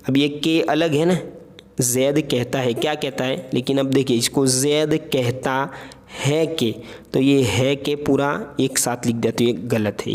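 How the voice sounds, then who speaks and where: A man's voice: medium pitch, darkish tone. A man teaching an Urdu spelling lesson, patiently going over each word and checking in with his listeners. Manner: patient, repeats words and checks with "theek hai".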